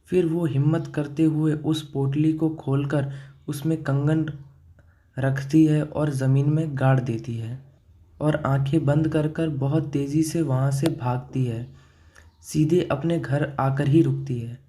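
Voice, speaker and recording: Male horror narrator, unhurried delivery, very dark tone, fairly high pitch. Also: fairly even intonation. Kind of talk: scripted storytelling narration.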